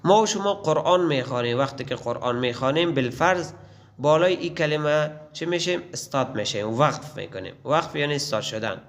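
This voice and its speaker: A man teaching a Quran reading lesson. He recites letters slowly and drawn out, then explains the rules patiently. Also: fairly high pitch, animated.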